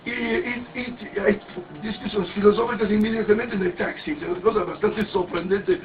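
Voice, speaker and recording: A man's voice: high voice, fairly even intonation, normal speed. A man in his fifties giving a rambling, anecdotal sermon-like talk with many restarts and crude words. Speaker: speaker at a parody mass. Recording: distant, tinny, faint background noise.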